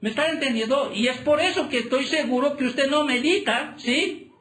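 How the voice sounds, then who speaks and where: A man's voice: very high-pitched, normal speed, fairly bright tone, slight background noise. A man, a pastor, preaching a sermon and pressing the congregation with constant rhetorical questions. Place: church hall. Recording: echoey church hall.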